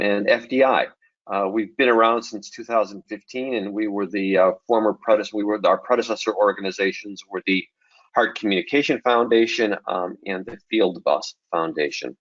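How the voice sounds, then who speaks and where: Man with a low early-morning voice. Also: dry recording. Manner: relaxed, with frequent ums and restarts. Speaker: webinar presenter. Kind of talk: technical webinar presentation. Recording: dull lo-fi webinar audio.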